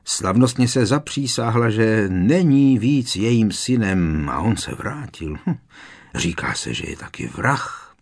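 A man's voice: lowish voice, animated, creaky, breathy edge, pitched above the performer's own voice, heavily acted. A man voicing a bitter, servile old male house-elf who mutters to himself, read as an audiobook character. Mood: muttering, resentful. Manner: muttering under his breath.

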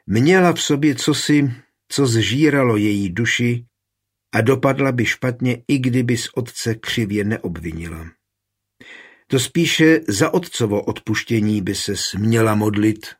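A man with a husky voice reading an audiobook, giving a stern yet caring grandmother a firm, serious delivery. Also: medium pitch, animated. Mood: gentle.

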